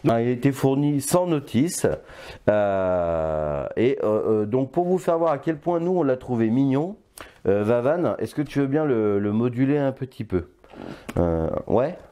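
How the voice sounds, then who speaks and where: A man's voice: medium pitch, big pitch swings, unhurried, warm tone. An older man reviewing a toy blaster in casual, playful chat, often stopping to hesitate. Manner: chatty and playful, with many hesitations.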